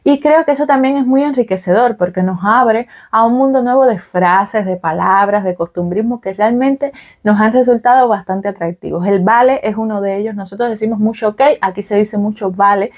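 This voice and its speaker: Speaking at a normal pace, this young adult vlogger from Cuba has a mid-range, slightly mellow voice, captured with lo-fi sound. Her Cuban Spanish accent colors a relaxed to-camera explanation full of fillers and "ok?" prompts.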